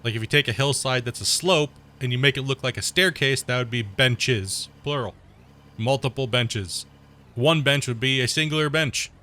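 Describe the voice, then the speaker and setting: At a medium pitch and moderate pace, a sick gaming channel host whose voice is going gives rambling, casual commentary over his gameplay. He explains terms while playing and lets out excited outbursts at mishaps.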